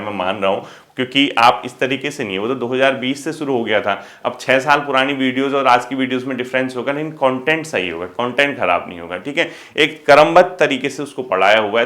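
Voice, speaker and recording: Man giving exam advice, bright voice. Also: medium pitch. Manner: addresses students as kids, frequent rhetorical questions. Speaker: exam coaching teacher. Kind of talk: casual spoken exam advice.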